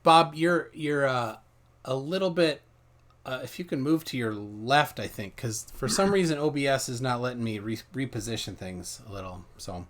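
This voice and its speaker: A man hosting a live stream, joking and casual, trailing off while working his software. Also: medium pitch, normal speed. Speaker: show host.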